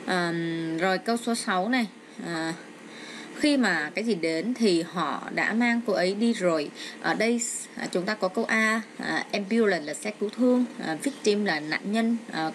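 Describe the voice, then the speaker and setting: A woman's voice: medium pitch, animated, moderate pace. Hesitant woman teacher in a noisy room. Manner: explains step by step with frequent hesitant fillers. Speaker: English teacher. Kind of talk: exam walkthrough lesson. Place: home with a child nearby. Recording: noisy home recording.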